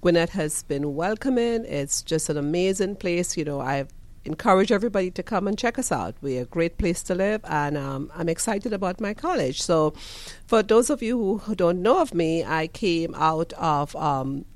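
A woman's voice: on the low side, lively intonation, normal speed, a little mellow, no echo. A woman in her fifties with a Trinidadian accent, a college president answering radio interview questions in an earnest, reflective way with frequent ums and restarts. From Trinidad and Tobago.

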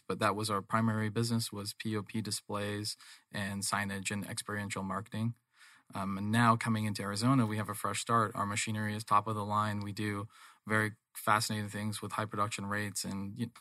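A man's voice: lowish voice, pushed and bright, no room sound, studio quality. A man with a North American accent speaking earnestly and at length as a business-owner guest in a conversational interview. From England, later Toronto, Canada.

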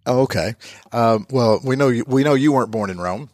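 A man hosting a local interview, asking friendly, polite questions with some halting restarts. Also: medium pitch, darkish tone, no room sound, studio quality. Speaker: interview host. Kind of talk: casual interview.

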